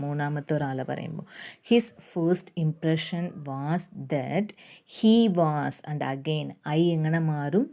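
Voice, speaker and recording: A woman with a Malayali English accent teaches a grammar lesson in a slow, deliberate way. Her voice sits low and sounds mellow, and she keeps checking in with the class as she explains, switching between Malayalam and English.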